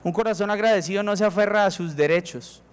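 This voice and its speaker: High-voiced Colombian pastor preaching. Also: male voice, fast, smooth. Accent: Colombian Spanish. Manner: emphatic preaching, acts out prayers to God. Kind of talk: sermon. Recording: reverberant hall.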